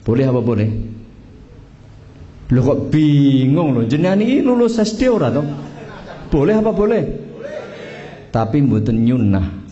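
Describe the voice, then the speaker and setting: This Islamic teacher, who trains imams and muezzins, leads a casual religious class on the call to prayer in a Javanese accent. Teasing and joking with students, he blends local slang into the instruction. His medium-pitched voice is mellow and very animated, at a measured pace with many pauses, and the highs are cut off.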